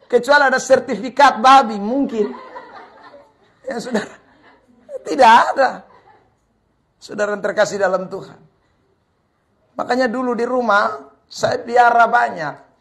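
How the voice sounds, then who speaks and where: A male pastor with a Kupang Malay accent preaching a sermon, emphatic and at times shouting, often addressing the congregation fondly. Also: extremely high pitch. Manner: keeps repeating a fond address to the congregation.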